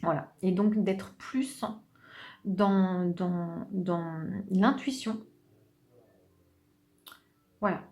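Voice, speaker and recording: A woman giving an unscripted tarot reading, speaking gently and hesitantly, with many restarts. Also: on the low side, steady tone, drawn-out words, pauses often. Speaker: tarot reader.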